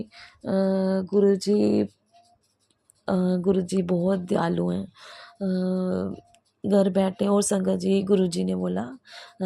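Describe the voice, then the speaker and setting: Gravelly soft-spoken woman sharing devotion. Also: medium pitch, no echo. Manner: soft, hesitant, many fillers. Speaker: devotional channel host. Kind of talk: personal spiritual testimony.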